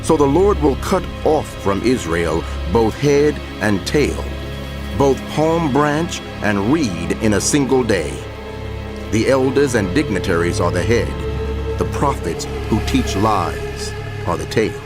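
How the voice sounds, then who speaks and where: A man giving a solemn, declamatory dramatized scripture reading with deliberate pauses. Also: lowish voice, big pitch swings. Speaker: scripture narrator. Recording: music bed under the voice. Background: background music.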